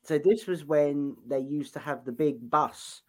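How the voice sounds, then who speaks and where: A man's voice: a little high, unhurried, rough recording. A man co-hosting a travel podcast, chatting casually and rambling with lots of ums. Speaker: podcast co-host. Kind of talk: casual chat.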